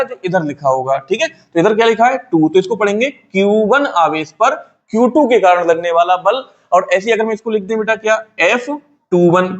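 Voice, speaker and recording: A man's voice: sits high, highs cut off. A man teaching physics in a classroom style, asking a question and then answering it himself, repeating key terms and calling his students "beta". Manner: calls students "beta" fondly. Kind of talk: classroom lecture at a whiteboard.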